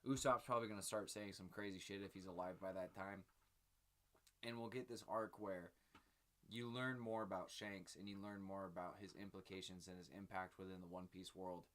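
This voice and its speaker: Guy rambling his theories, kinda low but bright, sit-down chat. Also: fairly even intonation, moderate pace. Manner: rambling, filler-heavy, speculative. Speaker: channel host. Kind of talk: casual sit-down discussion.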